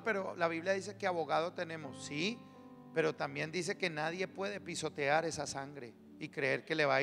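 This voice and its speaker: A man's voice: a little high, creaky, a bit bright. Man, emphatic sermon, faint music behind, long church reverb. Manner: emphatic preaching, calls for congregation response. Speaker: pastor. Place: church hall.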